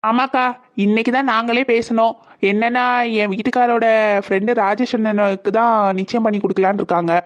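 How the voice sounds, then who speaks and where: A woman's voice: on the high side, steady tone, a little fast, lightly acted. A woman voicing a polite young married neighbor in a cartoon, speaking earnestly and conversationally.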